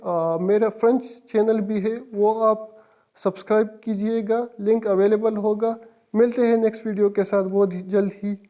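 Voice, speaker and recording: A man gives an online language lesson at an unhurried pace, his voice soft and mellow. He patiently spells words out letter by letter and repeats each pronunciation. His tone stays calm and explanatory. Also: high voice. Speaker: language teacher.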